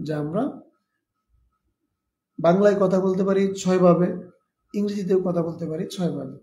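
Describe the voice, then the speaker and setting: A man's voice: high-pitched, fairly even intonation, normal speed, dark tone, reverberant, highs cut off. A man teaching a live online spoken English lesson, explaining step by step and repeating example sentences.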